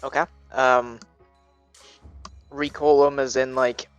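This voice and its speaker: A man's voice: mid-range voice, little pitch movement, takes it slowly, clear, resonant tone, dry recording, soft background music. A man narrating a tabletop game as dungeon master, hesitant and full of fillers.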